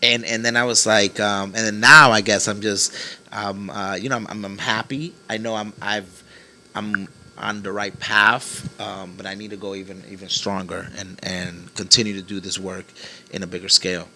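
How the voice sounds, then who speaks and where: Bright-voiced young man musing softly. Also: fairly low pitch, little pitch movement, normal speed, slight background noise. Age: 20s. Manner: earnest, reflective, often trails off softly. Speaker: podcast guest, entrepreneur. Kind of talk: casual chat. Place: graffiti-walled studio, indoors.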